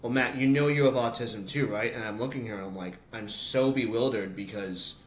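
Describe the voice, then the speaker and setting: In a fairly quick, medium-pitched voice, an American man talks conversationally during an interview, recounting personal stories. He's an announcer and voice-over artist, and the recording has a roomy echo and noticeable background noise.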